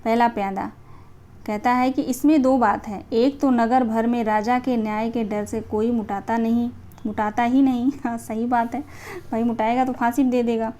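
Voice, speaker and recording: A woman's voice: a little high, steady tone, normal speed, warm tone. A young woman, a Hindi teacher, reading through a play and explaining it to exam students, with frequent check-ins.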